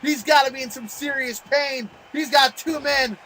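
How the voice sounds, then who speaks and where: A man calling play-by-play as a wrestling commentator, excitable and exclamatory in his delivery. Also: very high-pitched, normal speed, slight background noise.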